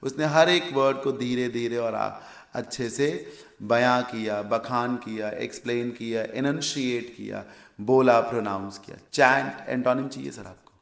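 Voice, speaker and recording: Gravelly Indian male English teacher. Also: medium pitch, unhurried, a bit bright, echoey room. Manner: explains word meanings step by step, asks and answers his own questions. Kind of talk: exam vocabulary lesson.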